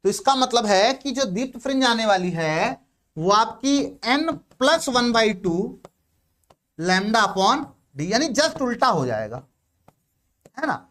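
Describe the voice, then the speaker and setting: A man's voice: very high voice, sing-song, slow, fairly bright tone. A male physics teacher giving a lecture, who asks questions, answers them himself and repeats the key terms. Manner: repeats key terms and says "ठीक है" often. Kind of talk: blackboard lecture in Hindi.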